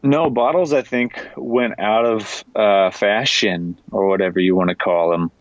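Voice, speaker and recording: An American man, a leatherworker, talking in a relaxed, thoughtful way with frequent restarts on a podcast. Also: lowish voice, measured pace, dry recording, dull audio. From United States. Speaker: leatherworker, guest. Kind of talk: casual conversation.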